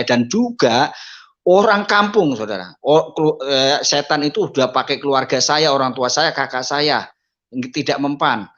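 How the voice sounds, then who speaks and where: Guy telling his testimony to a crowd of believers, keeps calling out to them, muffled lo-fi audio. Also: a bit bright. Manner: addresses listeners as brothers, rises high when moved. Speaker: testimony speaker. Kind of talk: emotional personal testimony.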